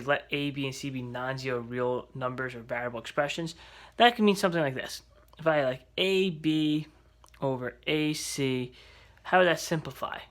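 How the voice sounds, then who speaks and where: A man's voice: medium pitch, a bit bright. A man teaching an algebra lesson, explaining step by step and checking in with rhetorical questions. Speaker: math teacher.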